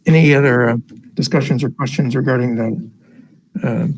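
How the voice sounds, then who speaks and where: A man's voice: mid-range voice, steady tone, moderate pace. American man chairing meeting through face mask. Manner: talking through a face mask, slightly muffled. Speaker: school board president chairing a meeting. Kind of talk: formal meeting procedure, reading agenda items aloud. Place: board meeting room. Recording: noisy meeting room recording.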